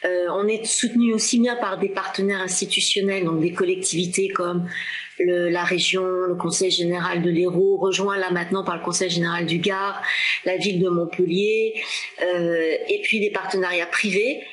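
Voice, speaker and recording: A French woman in her forties, an association founder, telling her story in a relaxed, chatty interview with frequent fillers and restarts. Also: lowish voice, moderate pace, rough recording. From France. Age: 40s. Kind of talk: casual interview talk.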